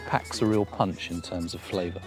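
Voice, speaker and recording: A man's voice: sits low, moderate pace, soft background music. Chatty man talking about his smokehouse. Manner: friendly, chatty, hesitant with fillers. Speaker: smokehouse owner, guest. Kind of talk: casual interview chat.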